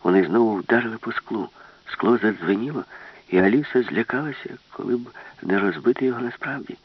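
A man reading a science-fiction story as an audiobook narrator, in a steady, even way. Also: fairly low pitch, a little fast, breathy edge, no echo, muffled recording. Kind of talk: scripted narration.

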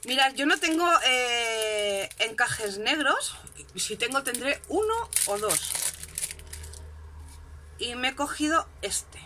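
Chatty woman with a bright voice. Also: on the high side, lively intonation, slow pace, long pauses, a little hiss or hum. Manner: chatty, self-mocking, frequent "¿vale?" check-ins. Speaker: crafting vlogger. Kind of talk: casual shopping haul chat. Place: home craft desk, indoors.

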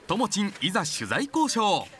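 A man's voice: high-pitched, huge pitch swings, moderate pace, a bit bright. A man reading scripted travel show narration in a playful, exclamatory way. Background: music.

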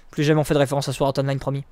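A male streamer giving joking, crude, self-mocking live gameplay commentary, excitable and often laughing. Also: mid-range voice, quick pace, clean tone, no echo, clean studio sound. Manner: excitable, exclaims at the game.

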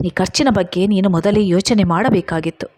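A woman's voice: medium pitch, brisk, warm tone, lightly acted. Woman narrator as an upset young wife, emotional and pleading, storybook reading. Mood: heated, defiant. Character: distraught young wife, ashamed and defiant.

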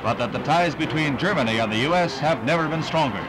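A man giving emphatic, formal old newsreel narration over a loud music score. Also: fairly high pitch, lively intonation, quick pace, noisy background.

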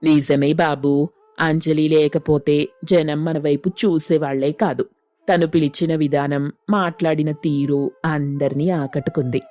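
A woman's voice: deep voice, fairly even intonation, unhurried, dark tone, faint music behind, pitched below the performer's own voice. Woman putting on a firm older mother-in-law. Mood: praising. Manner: firm, commanding.

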